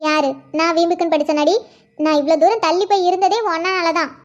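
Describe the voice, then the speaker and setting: A woman's voice: very high voice, fairly even intonation, quick pace, muffled recording. A woman voicing a bossy teasing cartoon sister. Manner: scolding, teasing.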